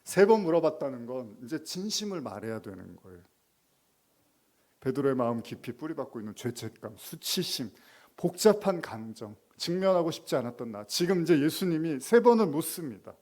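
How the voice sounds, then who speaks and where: A man's voice: a little high, sing-song, a little fast, a little mellow. Middle-aged pastor guy preaching, chatty, acts out little dialogues, laughs a lot. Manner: conversational preaching, acting out dialogue, laughing often. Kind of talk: sermon.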